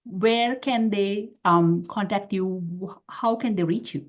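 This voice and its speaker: Brief: woman host, appreciative, mid-pitched, conversational. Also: takes it slowly. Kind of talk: interview wrap-up.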